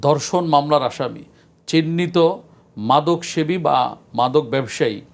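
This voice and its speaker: A man, a scholar guest on a religious talk show, speaking in an earnest, measured lecturing way with frequent pauses. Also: a little high, vocal fry. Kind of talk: studio discussion on a religious show.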